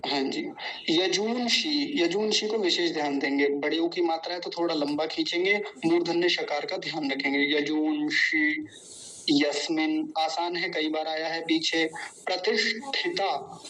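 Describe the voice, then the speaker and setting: A man's voice: fairly high pitch, steady tone, normal speed, few pauses, fairly bright tone, slight background noise, rough recording. A man teaching a patient online class, drawing out words to show how they are pronounced, heard over a video call. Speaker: Sanskrit teacher.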